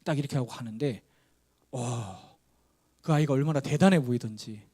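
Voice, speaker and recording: A man's voice: medium pitch, normal speed, dark tone, slightly rough. Storytelling male pastor preaching. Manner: storytelling with acted dialogue. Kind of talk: sermon.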